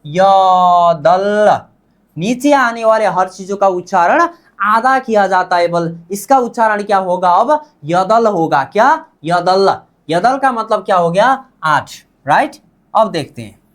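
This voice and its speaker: A man's voice: high voice, fairly bright tone. A man teaching a Korean lesson, drilling words by repetition and asking and answering his own questions. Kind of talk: classroom lesson.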